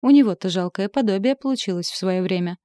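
A woman's voice: medium pitch, fast talker, dark tone, no echo, studio quality, lightly acted. Woman playing a brash mocking old seer.

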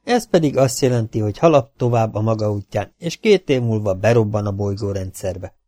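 A man's voice: fairly low pitch, mellow, no room sound, clean studio sound, natural voice. A man voicing a commanding male spaceship captain in an audiobook reading. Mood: firm. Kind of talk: audiobook character voice.

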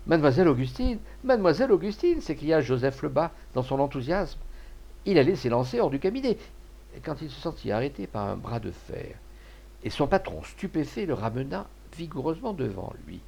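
A man narrating a classic novel as an audiobook in a measured, steady way. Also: medium pitch, gravelly.

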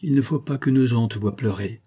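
A man's voice: mid-range voice, fairly quick, mellow, slightly rough, lightly acted. A man voicing a fervent noble mother. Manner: fervent and insistent. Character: determined aristocratic mother, a marquise.

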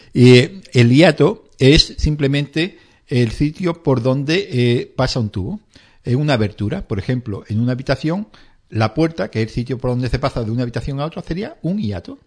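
A man's voice: medium pitch, a little mellow. A middle-aged man talking as a doctor on a radio health segment. He explains things plainly with homely examples and acts out what patients say.

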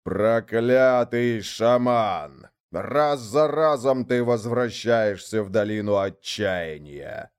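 A man voicing a giant male lord of the underworld, wrathful and scornful, who growls and thunders slowly in a storybook reading. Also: on the low side, lively intonation, a little mellow, clear, resonant tone. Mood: furious.

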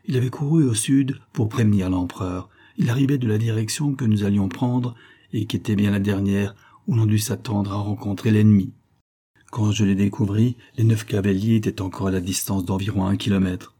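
A man reading an audiobook aloud, telling a first-person adventure with expressive, dramatic swells. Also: lowish voice, fairly quick, breathy edge. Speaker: audiobook narrator. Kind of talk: scripted audiobook narration.

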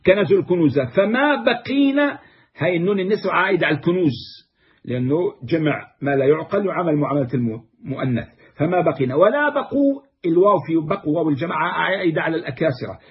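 A man's voice: fairly high pitch, lively intonation, fast talker, husky. A man lecturing on classical poetry, reciting verses and then explaining them word by word. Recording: dull, muffled lo-fi recording.

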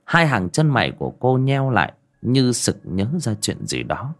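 Man, spooky tale narration, dramatic, husky, very animated pitch. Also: moderate pace. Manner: dramatic, hushed at tense moments. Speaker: storyteller.

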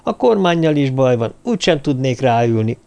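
Brief: grumbling, tired cop, read by a male narrator in his own voice, lively intonation. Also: medium pitch, vocal fry. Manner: sighing, grumbling. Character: grumpy, weary police lieutenant.

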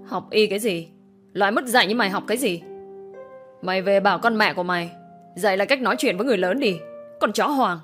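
A woman's voice: mid-range voice, fast talker, pauses often, a bit bright, soft background music, natural voice. A woman voicing a vulgar, abusive middle-aged mother who curses harshly and scornfully.

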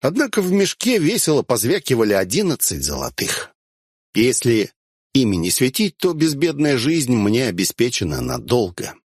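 A man's voice: mid-range voice, huge pitch swings, normal speed, husky, no echo. A man narrating a first-person fantasy audiobook with a wry, dry-humored delivery.

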